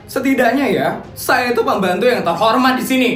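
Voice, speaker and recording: A dignified cartoon maid talks down to a fallen family, cool and scornful, as a voice actor plays her. The voice is mid-pitched, with roomy echo and faint music behind. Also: animated, a little fast, a bit bright, close to an everyday voice. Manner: scornful, lecturing. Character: proud, sharp-tongued household maid. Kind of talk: cartoon voice acting.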